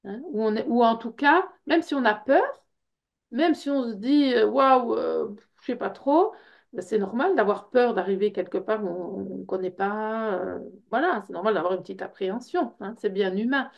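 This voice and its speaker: A woman's voice: mid-range voice, moderate pace, vocal fry, lo-fi sound. A middle-aged woman, a psychotherapist, talking casually and reassuringly at an information evening, with many small fillers. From France. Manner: warm reassuring, many fillers like hein and euh. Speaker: psychotherapist and workshop leader. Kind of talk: casual info session talk.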